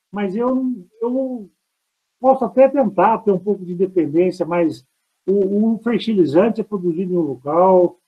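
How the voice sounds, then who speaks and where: Brazilian male professor, high voice, lecturing over a tinny headset mic on a call, poses rhetorical questions. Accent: Brazilian Portuguese. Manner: explains step by step, asks himself rhetorical questions. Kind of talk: online lecture answering audience questions.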